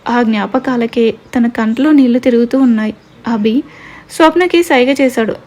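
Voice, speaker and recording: A woman storyteller narrating an audio drama with a mellow, dark tone and a voice pitched a little high. She reads steadily and expressively. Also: normal speed.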